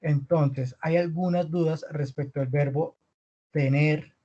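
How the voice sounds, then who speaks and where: A man teaching an online language lesson, patiently repeating words slowly for his students. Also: a little high, fairly even intonation, mellow, lo-fi sound, slight background noise. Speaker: Spanish teacher.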